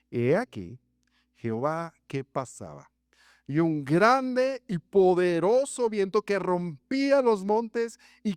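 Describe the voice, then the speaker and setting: A man's voice: dry recording, studio quality. Man preaching with big dramatic swings. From Mexico. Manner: dramatic, acts out voices of the text with big pitch swings. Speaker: pastor. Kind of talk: sermon. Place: church sanctuary.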